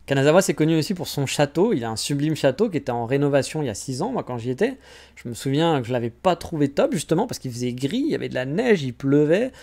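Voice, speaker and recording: A man's voice: a little high, animated, fast talker, a little mellow. A man hosting a podcast, chatting casually and rambling about travel, poking fun at himself. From France. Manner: chatty, rambling, self-mocking. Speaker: podcast host.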